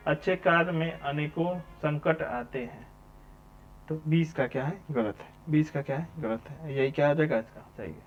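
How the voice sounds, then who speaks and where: A man's voice: fairly high pitch, steady tone, normal speed, soft background music. A man teacher going through exam questions one by one, repeating each question number and then answering it himself. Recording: dull lo-fi sound with mains hum.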